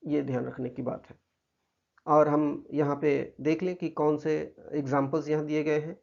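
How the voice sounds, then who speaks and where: A man with an Indian accent teaching a grammar lesson, patiently explaining slides and reading English examples slowly. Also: on the high side, fairly even intonation, creaky, a little mellow. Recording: muffled lo-fi recording.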